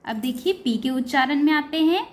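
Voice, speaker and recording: A woman teaching a beginner English pronunciation lesson, addressing viewers as her dear children and drawing out each example word slowly. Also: high voice, lively intonation. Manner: slow, drawn-out word-by-word explanation.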